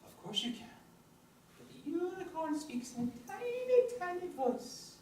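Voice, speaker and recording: A man's voice: very high voice, big pitch swings, unhurried, darkish tone, a little hiss or hum, full character voice. A man playing a doting, goofy young boyfriend in a live stage play, heard in an echoey room from a distant mic.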